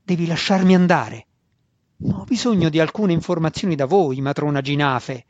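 A desperate, scheming dark-elf wizard, voiced by a male narrator, pressing and pleading in a fairly high voice. The recording is dull and dry. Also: normal speed, dry recording, lightly acted. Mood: urgent. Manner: urgent, pleading.

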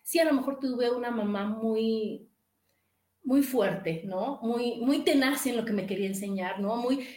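Mexican woman, talk-show host and therapist, high voice, chatty and repetitive, in a roomy studio. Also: measured pace. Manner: warm, lively, repeats phrases and asks "¿no?". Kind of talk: casual talk-show advice.

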